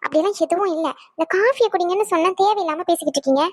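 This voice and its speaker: A woman voicing a patient, caring young wife in a cartoon, gentle and reassuring. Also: very high voice, rapid-fire, dry recording, studio quality. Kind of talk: cartoon voice acting.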